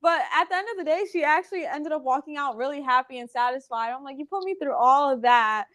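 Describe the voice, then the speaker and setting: A woman's voice: high voice, fast. A woman in her twenties, a salon owner, telling stories in a casual interview in her nail salon with a chatty, filler-heavy manner. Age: 20s. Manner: chatty, filler-heavy with many "like"s, animated retelling.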